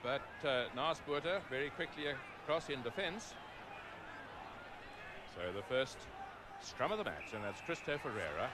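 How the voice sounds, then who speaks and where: A man giving play-by-play rugby commentary, measured between plays and rising to shouts at scoring chances. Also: mid-range voice, very animated. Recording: noisy broadcast audio.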